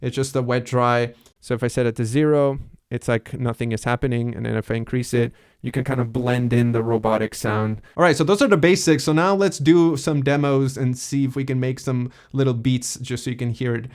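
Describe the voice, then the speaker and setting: A man hosting a casual software tutorial, explaining a plugin in a relaxed way with loose fillers. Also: mid-range voice, fairly quick, hardly any pauses, clear, resonant tone. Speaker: tutorial host.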